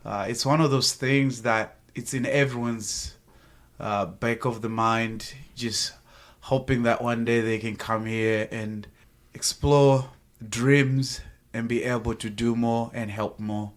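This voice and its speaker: A slow-speaking man in his thirties from Zimbabwe, with a Zimbabwean accent and a mid-range voice of fairly even intonation, joins a casual podcast interview as a guest from a sales team. He comes across as earnest and grateful, cracking jokes now and then.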